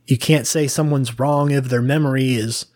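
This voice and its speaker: Male podcast co-host, relaxed rambler, close dry mic. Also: medium pitch, normal speed, no echo. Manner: rambling, hedging with fillers. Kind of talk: casual podcast chat.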